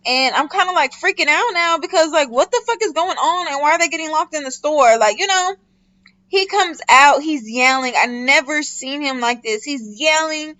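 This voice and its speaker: A young woman vlogger telling a casual storytime, animated and slangy, swearing often and talking straight to her viewers. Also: high voice, moderate pace. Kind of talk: casual storytime while doing a wig install.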